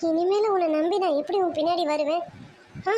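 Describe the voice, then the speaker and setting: A woman's voice: very high-pitched, steady tone, brisk, warm tone, slight background noise. A woman voicing a hurt young woman in a cartoon drama, accusing and reproachful. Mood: angry. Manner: reproachful, angry questioning.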